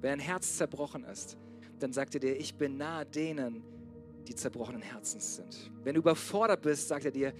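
A man preaching a sermon to a church congregation, swinging from loud urging to soft, hushed passages. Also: medium pitch, normal speed, music in the background. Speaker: pastor.

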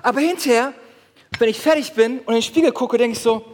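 High-voiced preaching man, reverberant hall. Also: fast. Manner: animated preaching with acted-out gym anecdotes. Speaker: pastor. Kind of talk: sermon.

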